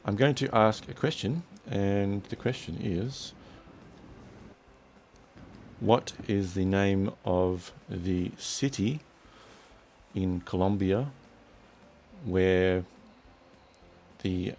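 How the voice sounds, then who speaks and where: A young man hosting a casual chat, relaxed and rambling with restarts. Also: low voice, gravelly, slight background noise. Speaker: host.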